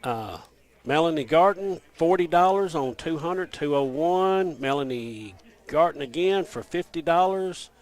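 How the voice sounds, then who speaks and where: Man rattling off auction winners. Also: fairly high pitch. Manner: steady rapid listing of numbers and names. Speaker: radio auction host. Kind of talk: reading out auction winners on radio. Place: radio studio.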